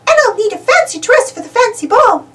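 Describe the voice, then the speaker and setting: Squeaky, very high Minnie Mouse. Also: female voice, very animated, fairly quick, a bit bright, heavily acted. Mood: perky. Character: sweet, perky girlish cartoon mouse, eager and fretful. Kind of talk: storybook character voice. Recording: distant mic, music behind.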